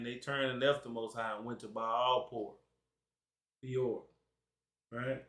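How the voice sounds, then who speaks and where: Slangy preaching man in an echoey room. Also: mid-range voice. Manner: preaches in loose everyday slang, reads scripture aloud. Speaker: Bible teacher. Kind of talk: informal Bible study sermon. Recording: echoey room, distant from mic.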